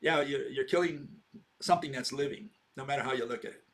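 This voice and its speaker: A man in his sixties gives a rambling, informal lecture, posing rhetorical questions and checking in with "okay?" His voice is mid-range and a bit bright, and he speaks at a quick pace.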